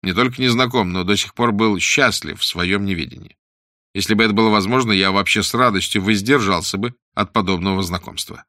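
A man reading aloud and voicing a calm, wry doctor on trial, speaking low, quiet and level. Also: a little fast, no echo, clean studio sound.

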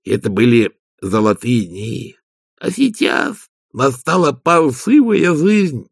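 A man reading an audiobook, voicing a slow, gloomy male servant who talks in a deliberate, matter-of-fact way. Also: mid-range voice, very animated, vocal fry, breathy edge, no room sound, clean studio sound, voice pushed up, full character voice. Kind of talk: audiobook character voice.

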